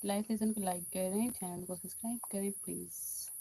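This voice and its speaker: A woman hosting a casual live stream in a quiet back room of a house, chatting and answering viewer comments. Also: medium pitch, steady tone, normal speed, vocal fry, slight background noise.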